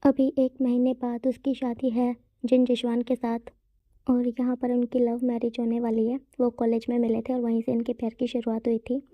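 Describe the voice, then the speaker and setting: A woman tells a story in a relaxed, chatty way and often turns to speak to her listeners. Her voice is high and fairly flat. The recording sounds dull and lo-fi. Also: moderate pace. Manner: chatty, addresses the listeners directly. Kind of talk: casual story narration.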